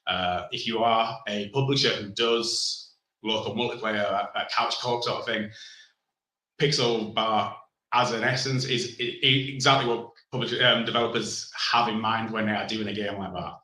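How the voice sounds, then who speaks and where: A man's voice: lowish voice, steady tone, moderate pace, sharp tone. A man giving an informal, chatty welcome speech as a bar owner, with some hesitation. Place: indoor gaming bar. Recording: echoey bar room.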